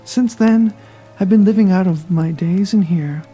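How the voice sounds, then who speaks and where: A man voicing the ghost of a frail old woman in a horror story, speaking sweetly and politely in a high, gentle voice. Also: a little slow, husky, soft background music. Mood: wistful. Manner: sweet, gracious.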